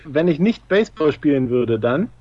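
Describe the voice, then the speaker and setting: A male co-host puts short questions to a guest in a casual interview style. His fairly high voice moves animatedly up and down, and the recording is a little dull. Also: very animated, normal speed, dark tone, no echo. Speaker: co-host asking quiz questions. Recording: slightly dull, lo-fi sound.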